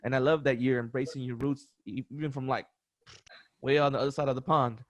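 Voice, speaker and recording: A man's voice: medium pitch, steady tone, a little fast, no room sound, highs cut off. A man with an American accent hosting an interview show, talking in a laid-back, slangy way and repeating his phrases. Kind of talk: casual interview chat.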